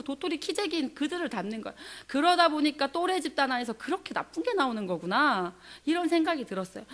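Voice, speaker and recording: A woman missionary in her thirties delivering a sermon. She talks earnestly and conversationally, pausing often between phrases. Her voice sits a little higher than usual. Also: fairly bright tone. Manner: earnest, conversational preaching with frequent pauses and fillers. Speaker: missionary preacher. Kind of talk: sermon at a prayer meeting.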